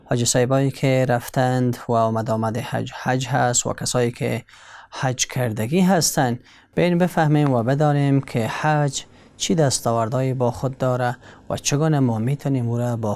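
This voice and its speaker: A man's voice: medium pitch, a little mellow. A man formally introducing segments of a religious TV program. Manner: formal, measured announcing. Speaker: program announcer.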